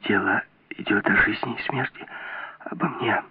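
A man's voice: lowish voice, moderate pace, husky, dry recording. A man voicing a frightened young woman in an audiobook, speaking in a breathless, pleading whisper. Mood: urgent whisper. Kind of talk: audiobook role reading. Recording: tinny dry lo-fi audio.

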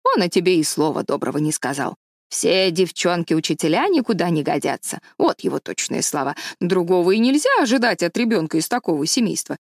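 A woman's voice: fairly low pitch, very animated, a little fast, no room sound, clean studio sound. A woman reading an audiobook, voicing an opinionated, gossipy older village woman who talks with emphatic disapproval.

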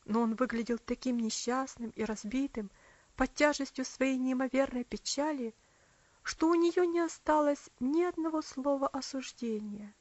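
A woman narrating an audiobook in a measured, expressive reading voice. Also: sits high, no room sound. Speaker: audiobook reader. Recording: dry, slightly muffled.

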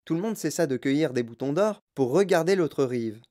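Expressive woman reading a children's story. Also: low-pitched, moderate pace. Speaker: narrator. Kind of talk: audiobook reading.

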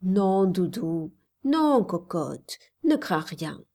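A woman voicing a calm, devoted young nursemaid who soothes a frightened child with urgent, firm words. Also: medium pitch, measured pace. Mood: soothing. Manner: soothing yet urgent, rising to loud calls.

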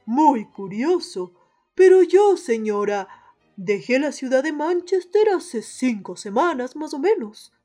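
A woman playing a polite, hesitant English gentleman in a radio play, speaking formally with pauses. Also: high-pitched, sing-song, soft background music, heavily acted. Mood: polite puzzlement. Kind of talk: radio theatre acting.

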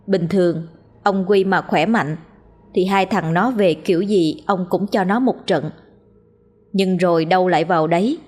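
A woman's voice: on the low side, darkish tone. A woman narrating a ghost story as a storyteller.

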